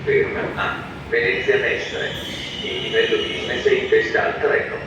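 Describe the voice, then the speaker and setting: A man making a formal train station loudspeaker announcement in clipped, evenly spaced phrases, heard as a recording on a railway platform. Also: moderate pace. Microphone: camera far from the loudspeaker. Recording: echoey loudspeaker from far off, train noise. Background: loud trains and station bustle.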